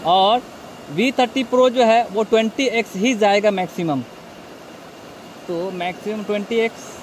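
A man's voice: high voice, unhurried, slight background noise. A man giving a casual on-the-spot demo outdoors as a tech reviewer, recorded on a phone's built-in microphone. He announces each step as he works the phones.

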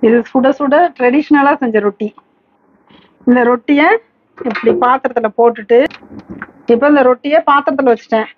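Higher-voiced woman teaching a recipe. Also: moderate pace, long pauses, dull audio, a little hiss or hum. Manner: calm, instructive, listing ingredients steadily. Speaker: cooking channel host. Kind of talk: step-by-step cooking tutorial. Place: home kitchen.

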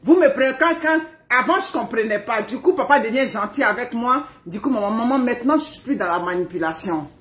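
A high-pitched middle-aged woman tells her viewers about life at home in a loose, chatty live stream. She laughs often and acts out family arguments with lively energy. Her voice rings in an echoey room. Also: fairly quick, hardly any pauses. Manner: animated, laughing, acting out family quarrels. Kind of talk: casual storytelling to viewers. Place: at home, indoors.

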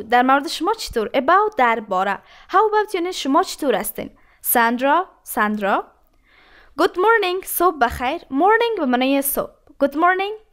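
High-pitched woman, teaching english, says each phrase slow then explains it. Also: a bit bright. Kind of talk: language lesson.

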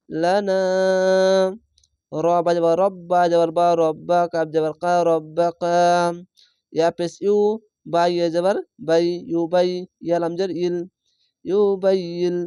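A man teaching Quran reading in Bengali style, spelling out each letter and vowel, then chanting the drawn-out word. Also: a little high, flat delivery, mellow, smooth, no echo, clean studio sound. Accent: Bangladeshi Bengali. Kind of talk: spelling-out recitation lesson.

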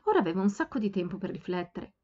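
A woman reading an audiobook, narrating in a calm, steady storytelling manner, in a slightly dull home recording. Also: medium pitch, fast talker. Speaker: amateur audiobook reader.

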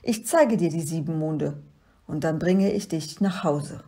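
A woman's voice: low-pitched, measured pace, dark tone. A woman voicing an indignant little male alien space pilot in a storybook reading. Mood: friendly. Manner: indignant, emphatic.

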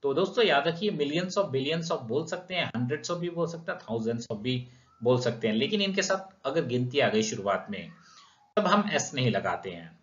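A man with an Indian accent teaching English grammar in Hindi, calling viewers friends, asking and answering his own questions and reading example sentences slowly. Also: medium pitch, lively intonation, a bit bright. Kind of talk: grammar lesson explaining rules with examples. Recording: echoey room, dull lo-fi sound.

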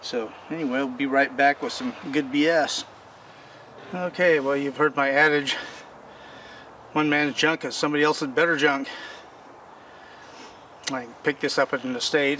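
This older homesteading-channel host talks through a backyard repair in a casual how-to style, rambling along in plain, folksy speech at an ordinary male pitch. The camera's mic records him from a distance, a few steps away, and a steady outdoor hum runs under his voice.

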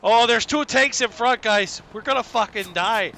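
A man's voice: very high-pitched, normal speed, gravelly, bright, forceful tone. A man roleplaying in voice chat, laying on an exaggerated Canadian accent and calling everyone pal and bud. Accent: put-on Canadian. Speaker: gamer in voice chat. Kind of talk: in-character roleplay over game chat. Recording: noisy game chat over gunfire. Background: gunfire and explosions from a war game.

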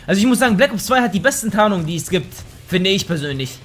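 A young man commenting on a shooter game as he plays, slangy and swearing, with excitable outbursts. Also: high voice, quick pace, faint music behind. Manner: slangy, swears and trash-talks. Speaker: let's play host. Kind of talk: casual gameplay commentary.

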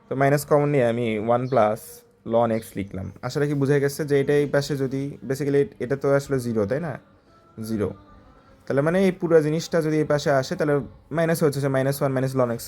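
A man's voice: mid-range voice, darkish tone. A male math tutor walking through exam problems step by step, talking in a conversational way and often asking the student short checking questions.

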